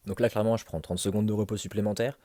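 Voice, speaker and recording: A man's voice: fairly low pitch, fairly even intonation, racing, dark tone, no echo, studio quality. A man giving a casual, conversational voice-over recap as a fitness challenge vlogger. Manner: informal, conversational, addressing himself and viewers.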